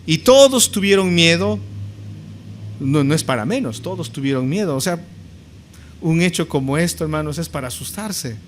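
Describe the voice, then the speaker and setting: A man's voice: on the high side, brisk, a little hiss or hum. A male pastor preaching a sermon, emphatic and fond of rhetorical questions to the congregation, whom he calls brothers. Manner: addresses listeners as brothers.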